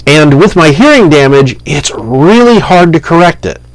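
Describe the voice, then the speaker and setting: A middle-aged man talking through a personal story in a casual, unscripted monologue, halting and rambling with many fillers and restarts. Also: on the high side, sing-song, no room sound, poor audio. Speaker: vlogger translating scripture.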